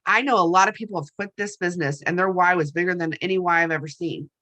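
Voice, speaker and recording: Bright, forceful woman giving a pep talk. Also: fairly low pitch, fast talker. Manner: chatty and emphatic, keeps addressing listeners as "you guys". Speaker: network marketing distributor. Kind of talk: motivational testimonial talk.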